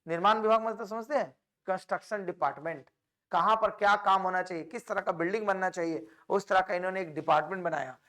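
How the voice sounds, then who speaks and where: In a very high, smooth, resonant and slightly bright voice, a man delivers a fast exam-prep history lecture in Hindi, constantly mixing in English words. He repeats key names again and again and keeps throwing questions back at his students.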